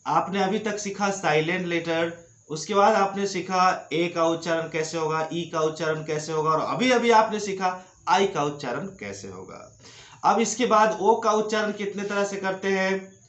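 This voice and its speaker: A man teaching English pronunciation, explaining rules slowly and repeating each example word twice. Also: sits high, fairly bright tone. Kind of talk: slow classroom-style explanation with drilled word repetition. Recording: echoey room, slightly dull lo-fi sound.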